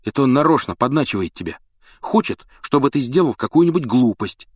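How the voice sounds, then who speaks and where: Man doing a hotheaded schoolboy, loud snappy, higher voice, dry read. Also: lively intonation, brisk, breathy edge, no echo. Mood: irritated. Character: hot-tempered teenage schoolboy.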